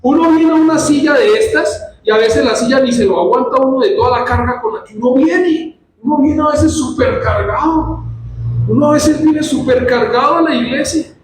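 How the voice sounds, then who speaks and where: A male pastor preaching an animated sermon in a church, acting out quoted voices. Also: very high voice, normal speed, a little hiss or hum. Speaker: pastor teaching a church service. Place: church hall. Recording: very echoey church hall from far off.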